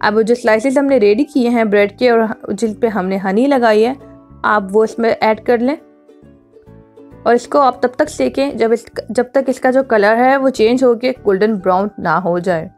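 A woman's voice: fairly high pitch, normal speed, darkish tone, soft background music. A woman hosting a home cooking tutorial, talking through each step in a chatty, instructive way and often repeating herself. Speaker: cooking channel host.

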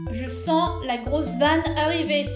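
A woman's voice: high-pitched, measured pace, echoey room, over loud music. A young woman doing jokey gameplay commentary, screaming at the scares. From France. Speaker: let's play host.

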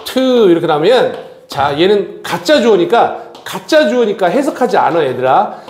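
Middle-aged male teacher, bright lively delivery swooping up and down, chatty with students, roomy classroom sound. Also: sits high, normal speed, a little hiss or hum. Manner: animated, addresses students as kids, frequent tag questions. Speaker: academy English teacher. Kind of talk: classroom grammar lecture. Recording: echoey classroom.

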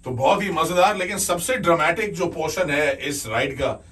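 A man in his forties, chatty and jokey, tours the scenery from a cable car. His voice sits a little high and slightly off-mic. Faint ambience hums behind him. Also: moderate pace, a bit bright, distant mic, a little hiss or hum. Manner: chatty, jokey, pointing out the views. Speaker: travel show co-host. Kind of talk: travel vlog chat.

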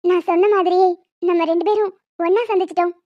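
A woman voicing a young wife and other women of a family in an animated story, with quick, expressive delivery. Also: very high voice, dry recording. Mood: emotional chat. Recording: dry, dull lo-fi home mic.

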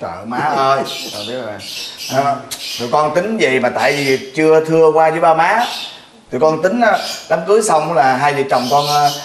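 A man's voice: fairly high pitch, expressive, fairly quick, natural voice. A man in his thirties with a southern Vietnamese accent, acting a dutiful adult son in a comedy skit, deferential and pleading. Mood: hesitant. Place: tiled living room. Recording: echoey living room.

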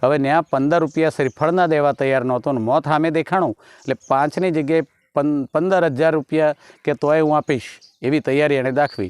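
A man's voice: on the high side, a little mellow, clear, resonant tone, no room sound. A man, a stand-up comedian, telling folk jokes in a rustic dialect and acting out each character in the story.

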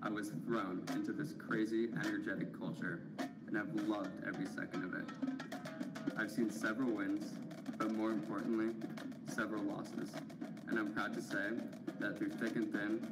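Young guy student reading a proud school promo, low voice, echoey, loud music under it. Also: level tone, moderate pace. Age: teens to young adult, a student. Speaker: student narrator of a school video. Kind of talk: scripted voice-over.

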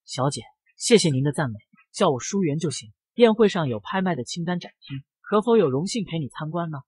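A scheming young socialite, sugary to the powerful and spiteful to rivals, voiced by a male narrator. The voice sits a little high with a husky edge, and it is recorded close and dry. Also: animated, fairly quick, darkish tone, no echo. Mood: fawning. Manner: fawning, then shrill and spiteful. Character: scheming young woman posing as heiress.

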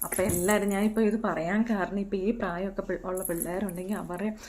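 A woman's voice: medium pitch, steady tone, a little fast, a little mellow, slight background noise. A woman, chatting in a casual home vlog and coaxing her toddler in a sing-song way. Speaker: mother and home vlogger.

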